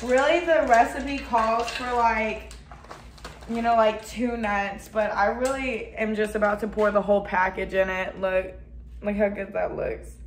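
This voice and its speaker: A young woman talking casually through a cooking tutorial in her apartment kitchen, excitable and chatty, full of "like" and "oh my God," picked up by a camera mic across the room. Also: medium pitch, measured pace. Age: young adult. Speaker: cooking vlogger. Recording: echoey room, faint noise.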